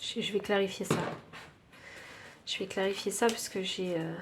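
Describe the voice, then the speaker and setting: Reading tarot by intuition, a woman with a French accent muses aloud, her speech broken by frequent pauses and fillers. She has a medium-pitched voice, and there is noise in the background.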